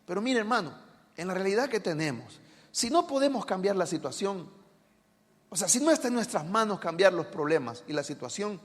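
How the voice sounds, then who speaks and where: A man's voice: high-pitched, sing-song, brisk. A male pastor preaching a dramatic, emphatic sermon in a church hall.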